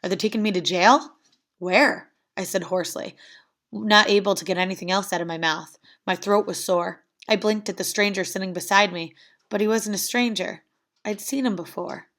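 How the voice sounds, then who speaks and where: A woman's voice: medium pitch, fairly even intonation, normal speed, fairly bright tone. Woman reading a novel aloud. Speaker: reader.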